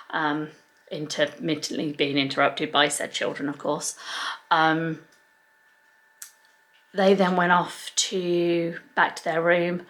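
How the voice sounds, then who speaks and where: Woman, family vlogger. Lowish, gravelly voice, casual and rambling with lots of ums. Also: fairly bright tone. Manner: chatty, rambling, frequent filler ums. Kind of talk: casual vlog chat to camera. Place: family holiday resort.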